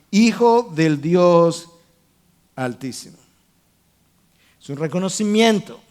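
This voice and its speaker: A man pastor preaching a sermon, explaining the text step by step, defining original-language words and putting questions to his listeners. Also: high-pitched.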